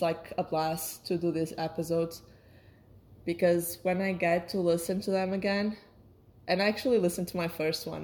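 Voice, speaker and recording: Lower-voiced woman in casual reflective monologue. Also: darkish tone. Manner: hesitant, searching for words, self-correcting. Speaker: solo podcast host.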